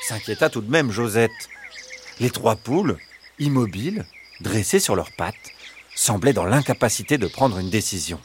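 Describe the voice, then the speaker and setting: A man narrating a children's fable with lively, expressive storytelling. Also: lowish voice, moderate pace, a little hiss or hum.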